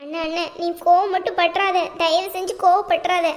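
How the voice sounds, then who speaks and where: A woman voicing a worried young woman in a cartoon, who keeps pleading with her family to stay calm. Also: very high voice, normal speed. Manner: pleading, soothing. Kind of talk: cartoon voice acting.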